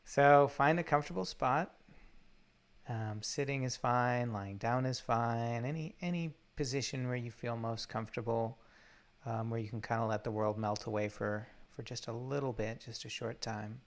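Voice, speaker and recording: A man leading a guided meditation from a laptop or phone while traveling, talking haltingly with many fillers and restarts. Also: medium pitch. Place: undisclosed spot while traveling. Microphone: laptop or phone mic.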